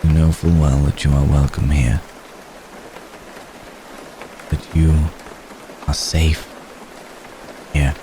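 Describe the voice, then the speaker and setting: Tender and reassuring, the ancient vampire gentleman, voiced by a man, speaks very deeply and slowly in formal, measured phrases broken by long, hesitant pauses, protective and gentle in this intimate ASMR roleplay. Steady rain sounds clearly behind the close recording, and the background is noisy.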